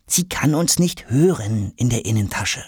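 A man voicing an eager young boy in a children's audiobook, talking in a lively way. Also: mid-range voice, unhurried, slightly rough, no echo, studio quality. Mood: teasing. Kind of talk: audiobook role.

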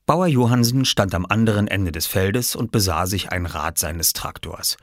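A man narrating an audiobook in an expressive storytelling manner. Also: low voice, normal speed, no room sound, clean studio sound.

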